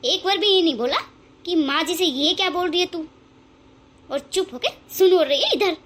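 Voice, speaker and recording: A high-voiced, bossy mother-in-law in a cartoon family squabble. She taunts and threatens her daughters-in-law in a scolding, sharp-tongued way. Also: normal speed. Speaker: voice actor. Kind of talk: cartoon family drama acting.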